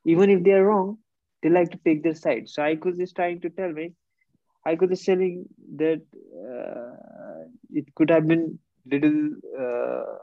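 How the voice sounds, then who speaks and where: A man's voice: fairly high pitch, measured pace, no room sound. Blunt man telling a story, laughing. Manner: blunt, laughing, acts out both sides of an argument. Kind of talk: casual storytelling. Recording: dull lo-fi close recording.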